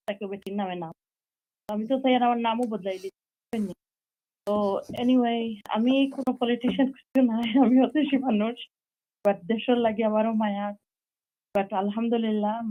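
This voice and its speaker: A woman's voice: on the high side, dark tone, low-quality recording. A woman, calling in over the phone to a live show and giving her opinion in a rambling, heated way. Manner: rambling, heated, restarts mid-sentence. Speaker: caller to a live call-in show. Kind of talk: impassioned call-in opinion.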